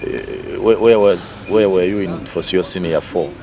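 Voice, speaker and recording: A man's voice: sits low, unhurried, a little mellow. A man hosting an interview, asking probing questions and repeating the guest's answers back. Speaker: talk show host. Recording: faint background noise.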